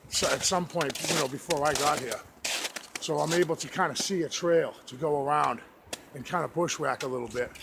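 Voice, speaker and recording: A man talking casually to his vlog viewers, halting and rambling as he trudges through snow outdoors. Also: a little high, creaky. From New England, United States. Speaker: outdoor vlogger. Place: outdoors on a snowy forest trail. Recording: noisy outdoor audio with clicks.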